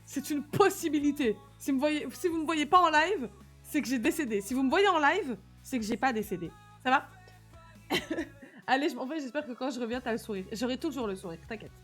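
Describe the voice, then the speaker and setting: A woman's voice: high-pitched, lively intonation, a little fast, slightly rough, soft background music. A young woman with a slight lisp and slushy s sounds, chatting casually and animatedly in slang as she livestreams. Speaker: live streamer.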